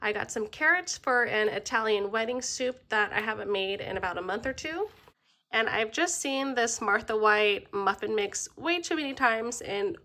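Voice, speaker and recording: A woman in her thirties, a little under the weather, casually chatting at home as she shows off her groceries, with relaxed, friendly talk full of ums. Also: on the high side, normal speed. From Filipino family. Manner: relaxed, friendly, frequent "um" fillers. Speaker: vlogger showing a grocery haul. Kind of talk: casual chatty haul commentary. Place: home kitchen table.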